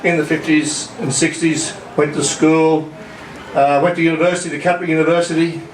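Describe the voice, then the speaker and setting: A man's voice: fairly high pitch, level tone, brisk. A man in his sixties from Australia, with an Australian accent, telling stories in a jovial wedding speech and chuckling between lines. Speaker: wedding guest speaker. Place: yacht club reception hall. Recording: echoey hall, distant mic, background noise.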